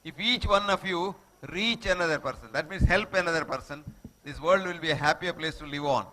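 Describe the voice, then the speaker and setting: Man, Telugu Indian accent, high pitch, bright forceful tone, emphatic motivational speaker addressing schoolchildren, short repeated maxims. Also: a little fast. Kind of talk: motivational talk to children.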